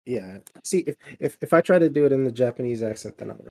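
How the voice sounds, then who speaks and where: Mellow-voiced man chatting casually. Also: mid-range voice, animated, fast. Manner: rambling, many fillers and restarts. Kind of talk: casual chat.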